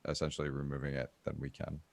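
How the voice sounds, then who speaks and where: A man with an extremely deep, gravelly voice, rambling through his points with many fillers and restarts. He is leading a casual online meeting call. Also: flat delivery, fast talker, darkish tone. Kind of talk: casual technical meeting talk.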